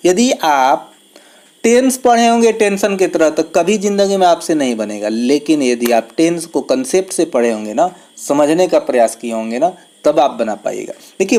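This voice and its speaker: A man teaching English grammar for exam preparation, explaining step by step and addressing his viewers as friends, reading English sentences slowly before explaining them. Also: high voice, a little mellow. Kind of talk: exam-prep grammar lesson.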